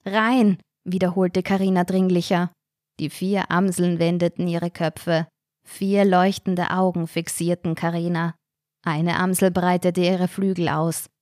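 A woman narrating a short-story podcast in a measured, suspenseful reading. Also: lowish voice, little pitch movement, a little mellow, no echo, studio quality.

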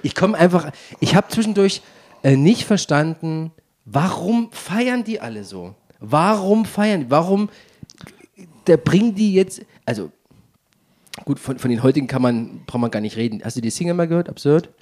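A man on a casual podcast, wry and teasing as he needles his friend. His voice is a bit husky and sits a little high, with frequent hesitant restarts. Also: expressive, normal speed, darkish tone. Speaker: podcast co-host.

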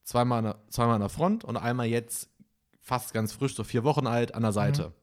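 A man's voice: medium pitch, a little fast. A man in casual podcast chat, telling stories animatedly and acting out what people said. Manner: animated storytelling, acts out dialogue.

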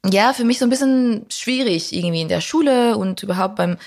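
A woman's voice: mid-range voice, fairly quick, vocal fry, darkish tone. A young woman from Spain, speaking German in a candid interview, reflective and full of fillers and restarts. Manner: reflective, many fillers and restarts, laughs often. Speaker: guest.

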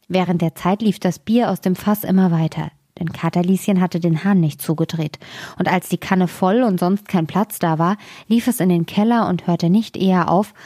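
A woman reading a fairy tale aloud as a storyteller, softly narrating and giving the characters lively voices. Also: lowish voice, no room sound, studio quality.

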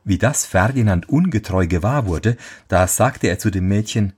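A man reading a fairy tale aloud in a low, husky voice. His melody rises and falls in a lively, expressive storytelling manner. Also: normal speed.

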